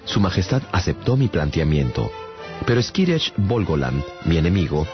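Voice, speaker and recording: This radio drama narrator, a man with a low voice speaking at normal speed, portrays a courteous, earnest traveler who is a giant among tiny people. He tells of his adventures in an expressive storytelling manner. Music plays behind a dull-sounding recording.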